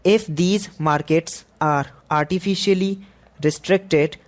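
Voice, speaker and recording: A man reading a scripted dictation for shorthand practice, in a deliberate, measured way with pauses between phrases. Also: high-pitched, steady tone.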